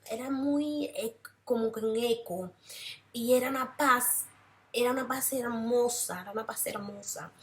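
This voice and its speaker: A woman's voice: a little high, slight background noise. A woman giving an emotional personal religious testimony, repeating phrases for emphasis.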